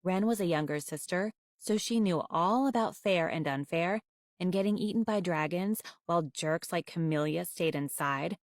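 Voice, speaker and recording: A woman reading a children's novel aloud with expressive, wry storytelling. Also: lowish voice, moderate pace, no room sound, clean studio sound.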